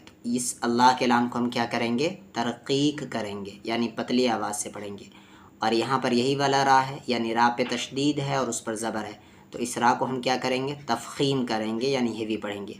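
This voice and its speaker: A man teaching tajweed. He explains letter sounds and recites slowly, phrase by phrase, for his student to repeat. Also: mid-range voice, steady tone, a little hiss or hum. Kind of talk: tajweed lesson with repeat-after-me drills.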